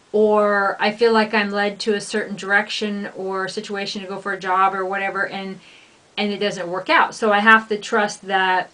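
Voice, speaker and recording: Folksy woman with an even, narrow pitch. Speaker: spiritual minister and vlogger. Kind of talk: casual unscripted spiritual talk to viewers.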